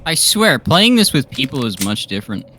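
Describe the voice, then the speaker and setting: A man's voice: mid-range voice, very animated, normal speed, bright, forceful tone. A young man in casual chat as he plays a co-op game with a friend. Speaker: co-op gaming partner. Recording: voice chat over noisy game gunfire.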